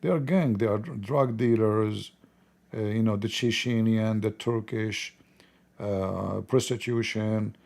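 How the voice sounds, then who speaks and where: A man with an Arabic accent, a native Arabic speaker, giving blunt, informal political commentary in halting, repetitive non-native English. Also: on the low side, gravelly, a little mellow. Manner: blunt, opinionated.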